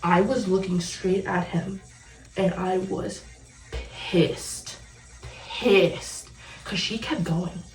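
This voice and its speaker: A woman's voice: fairly low pitch, steady tone, measured pace. A young woman vlogger telling a storytime rant about her ex, blunt and sarcastic, swearing freely with bitter laughs. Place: at home, dyeing her hair. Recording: roomy, distant from mic, faint music behind.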